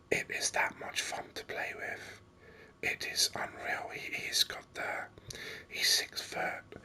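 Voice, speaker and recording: A gaming video host gives unhurried, rambling ASMR commentary in a breathy whisper, full of enthusiasm. The tone is bright and forceful.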